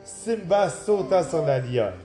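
A man narrating a storybook aloud in an expressive, lively reading. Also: a little high, takes it slowly. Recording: roomy, clear background music.

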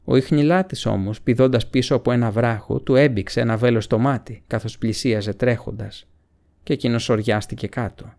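A man narrating a fantasy audiobook at a measured, expressive pace. His voice has a mid pitch and a gravelly, creaky texture. He reads with steady storytelling control.

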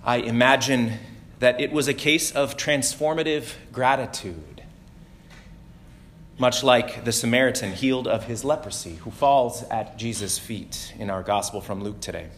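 A man preacher reading a gospel passage and then giving a sermon in a measured, solemn manner. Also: medium pitch, fairly bright tone, a little hiss or hum.

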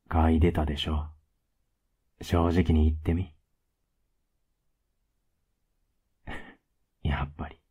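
A man playing a teasing, affectionate young boyfriend in a soft ASMR role-play, with a low, husky voice. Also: phone-quality sound, full character voice. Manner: laid-back, gently teasing, intimate.

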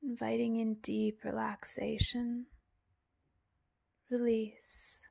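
A woman guides a soothing meditation in the manner of a sleep story narrator. Her delivery is very slow and even, with little movement in pitch. The soft, breathy voice often sinks toward a whisper and into gentle creak, with long pauses between phrases.

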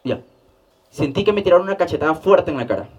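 A young man from Peru with a Peruvian Spanish accent, telling his life story as an interview guest in an animated way that repeats phrases for emphasis. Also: sits high, fast, breathy edge, distant mic, highs cut off. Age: young adult. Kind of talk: personal life story told in conversation.

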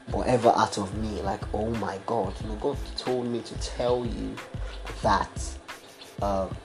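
A young man sharing a personal faith testimony in casual, slangy talk full of fillers and restarts. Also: lowish voice. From abroad, studied as international student. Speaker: podcast guest sharing testimony.

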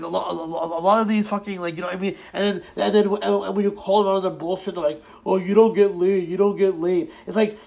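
A young man delivers a heated, sarcastic rant, swearing freely and tripping over his own restarts and fillers. His voice sits a little high and has a gravelly, fried edge. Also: rough recording. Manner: profane, rambling, many restarts and fillers. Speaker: online commentator. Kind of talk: ranting casual monologue.

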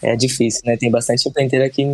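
Brazilian guy, 20s, husky, fast and chatty, dry close sound. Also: mid-range voice, little pitch movement, a little mellow, no echo. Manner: loose anecdotal telling, filler "né" tags. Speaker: podcast guest. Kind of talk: casual storytelling. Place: podcast studio.

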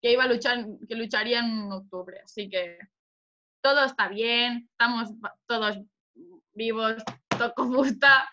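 A woman's voice: fairly high pitch, unhurried, bright, forceful tone. A woman fighter chatting casually, telling a story animatedly and swearing freely. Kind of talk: casual chat. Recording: dull lo-fi sound.

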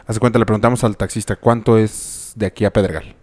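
A man's voice: lowish voice, fairly even intonation, fast, darkish tone. A man with a Mexican accent, chatting with friends and cutting in with teasing remarks. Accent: Mexican Spanish. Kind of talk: casual chat among friends.

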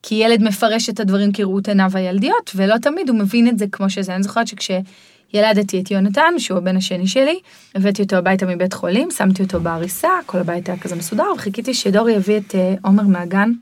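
A middle-aged woman guiding parents in a podcast conversation, explaining in a lively way and sometimes mimicking children's voices. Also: mid-range voice, dry recording. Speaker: parenting guide.

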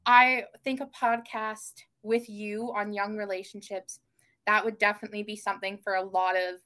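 A woman's voice: medium pitch, little pitch movement, moderate pace, pushed and bright. A young adult woman chatting as a podcast guest, enthusiastic and hesitant, with many ums and restarts. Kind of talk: casual podcast chat.

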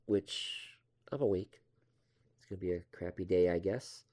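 A man's voice: sits low, moderate pace, darkish tone. A young man casually telling a rambling story from his past, offhand and self-deprecating, swearing now and then.

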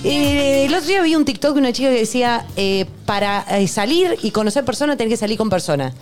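A woman with a Rioplatense Spanish accent tells stories in a lively voice that leaps across a wide pitch range, sitting a little high. She acts out other people's lines in squeaky voices. Music plays faintly behind her. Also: fast talker. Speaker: guest co-host. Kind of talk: casual comedic chat.

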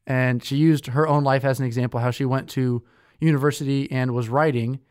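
A young man co-hosting a podcast, speaking at a mid pitch. He chats loosely, with lots of "like" and "um" and plenty of restarts. The recording is dry and close, with no room sound. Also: fairly even intonation, fairly quick, a little mellow, smooth, dry recording. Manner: chatty, with many fillers and self-corrections. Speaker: podcast co-host. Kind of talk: casual conversational chat.

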